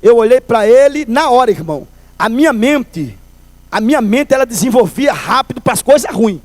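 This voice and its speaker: A Pernambuco-accented pastor preaches his testimony with a very high-pitched man's voice. He tells the story in a lively way and keeps calling the listeners brother. The sound is close and dry. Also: normal speed, no echo. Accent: Pernambuco Brazilian Portuguese. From Pernambuco, Brazil.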